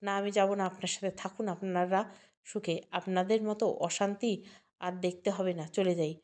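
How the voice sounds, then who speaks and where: A woman's voice: medium pitch, level tone, moderate pace, darkish tone, natural voice. Hurt young woman holding back tears, defiant, read by a woman. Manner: tearful, defiant.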